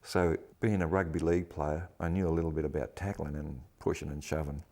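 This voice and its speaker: A man's voice: extremely low pitch, level tone, brisk, a little mellow. An older man with a broad Australian accent, reminiscing casually and bluntly in an interview, with salty colloquial turns of phrase. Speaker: actor interviewee.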